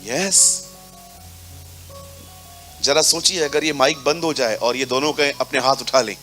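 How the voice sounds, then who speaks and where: A man preaching a sermon to a congregation, animated, acting out little scenes and mixing words into his talk. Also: medium pitch, unhurried, soft background music. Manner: animated, acts out little scenes, mixes English into Hindi. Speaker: pastor. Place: church hall with congregation.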